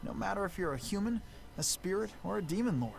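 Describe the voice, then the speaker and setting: A man's voice: high-pitched, lively intonation, fast, creaky, faint music behind. A man playing an earnest, hopeful young hero in a video game. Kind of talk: scripted video game acting.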